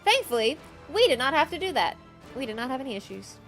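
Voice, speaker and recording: A woman's voice: high voice, sing-song, fast, fairly bright tone. Chatty woman streamer, faint music behind. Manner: chatty, laughs often, reads chat aloud. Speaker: game streamer. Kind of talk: casual live-stream chat while gaming.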